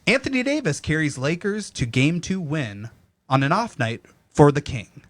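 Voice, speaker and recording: A man's voice: a little high, sing-song, normal speed, no room sound. A young man hosting a casual sports podcast, reading headlines aloud and teasing his co-hosts between items. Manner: reads news items then riffs, teasing.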